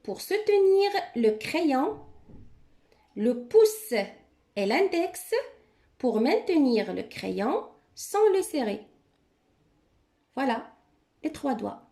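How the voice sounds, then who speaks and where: Woman teacher walking a class thru handwriting, slow and patient, voice goes up and down a lot. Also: high voice, big pitch swings, mellow. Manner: slow, patient step-by-step instruction. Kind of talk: handwriting lesson.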